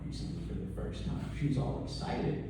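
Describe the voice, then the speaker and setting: A man from Louisiana doing casual stand-up comedy in a slangy, laid-back stoner drawl. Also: brisk. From Baton Rouge, Louisiana. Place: live comedy venue. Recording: echoey room, distant mic, noisy.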